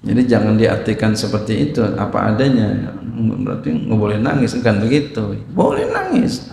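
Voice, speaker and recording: Male preacher, gravelly voice, teaching line by line, big echoing hall. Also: on the low side, a little fast, warm tone, a little hiss or hum. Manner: explains Arabic text phrase by phrase, asks the audience questions. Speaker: Islamic teacher. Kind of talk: sermon. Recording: echoey hall.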